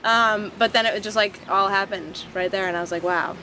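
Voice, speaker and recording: A young woman from the Washington DC area, raised abroad, guests on a podcast recorded inside a van, speaking at medium pitch and moderate pace. She tells stories animatedly, acts out quotes, and laughs often in casual conversation. The rough recording has slight background noise.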